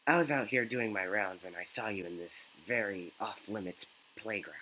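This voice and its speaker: A man's voice: fairly low pitch, normal speed, pushed and bright, a little hiss or hum, low-quality recording. A man reading the lines of a stern female town cop on patrol in a bossy, scolding way, close to his own voice.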